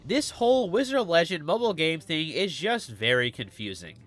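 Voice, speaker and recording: A man's voice: fairly high pitch, sing-song, fairly quick, a bit bright, no room sound, soft background music. A man with a cold giving scripted video game commentary in a stuffy, nasal voice, as if pinching his nose.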